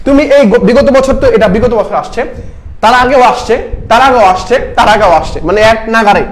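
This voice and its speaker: A young-sounding man runs an exam-prep lesson at a fast clip. He fires questions at his students, answers them himself and repeats the key point. The talk is loose and casual, like a tutor among his own pupils. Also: very high voice. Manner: sings short song lines to make a point. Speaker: admission test tutor.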